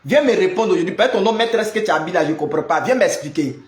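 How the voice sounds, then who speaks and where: A man hosts a live stream from home, chatting loosely and greeting each viewer by name. His voice sits fairly high for a man. The room around him rings with a noticeable echo. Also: expressive, fast talker. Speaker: live-stream prayer host. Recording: roomy echo.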